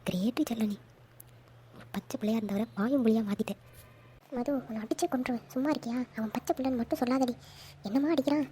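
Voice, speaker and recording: A woman telling an audio story, acting out lively dialogue among several characters. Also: fairly high pitch, quick pace, slight background noise. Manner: animated, switching between characters. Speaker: storyteller voicing all roles.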